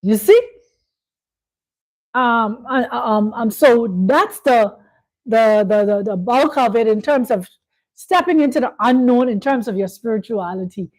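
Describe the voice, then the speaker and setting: A woman's voice: on the high side, expressive, measured pace, low-quality recording. A woman hosting a spiritual talk, speaking in a preachy way, repeating phrases and checking in with "you see?". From Bahamas. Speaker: host. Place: Kenya.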